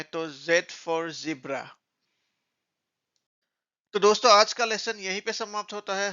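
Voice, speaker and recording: A man teaching beginner English in a lesson, speaking slowly and spelling words out letter by letter. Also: high voice, bright, forceful tone, clear, resonant tone, highs cut off.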